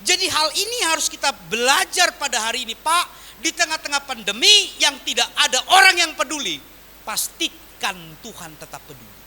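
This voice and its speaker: A man preaching a sermon as pastor, swinging from loud emphatic lines to quiet soft ones. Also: extremely high pitch, normal speed, slight background noise. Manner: animated preaching with wide swings in volume.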